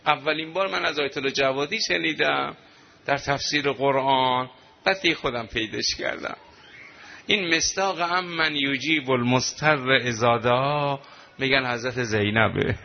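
A male preacher with a gravelly, slightly high voice, delivering a sermon that turns into a wailing lament. The recording is dull and lo-fi, with faint ambience behind him. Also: slight background noise. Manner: emotional, rising to a wailing lament. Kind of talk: religious sermon with mourning recitation.

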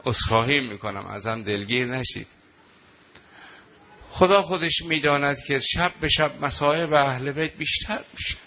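A man's voice: mid-range voice, slight background noise. A man preaching a sermon, speaking casually to the congregation before moving into an emotional mourning recitation. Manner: emotional, rising to a wailing lament. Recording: dull lo-fi recording with faint ambience.

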